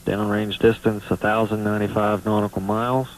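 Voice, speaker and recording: A man giving live space mission commentary in a measured, matter-of-fact, technical way. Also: fairly low pitch, flat delivery, slight background noise, poor audio. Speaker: NASA public affairs launch commentator.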